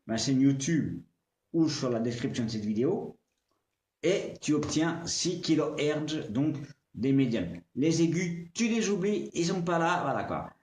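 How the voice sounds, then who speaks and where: A man's voice: a little high, big pitch swings, unhurried, darkish tone, roomy sound. A man casually reviewing a small speaker on a livestream, chatty and playful, talking straight to the viewer. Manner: chatty and playful, addresses viewer with tu, occasional swearing. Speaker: tech reviewer.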